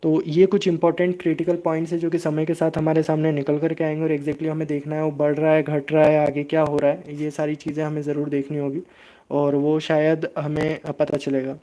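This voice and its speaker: A man's voice: on the high side, completely flat delivery, brisk, warm tone. A man hosting a crypto channel, explaining steadily in a live stream and answering viewer chat, with frequent hesitation sounds.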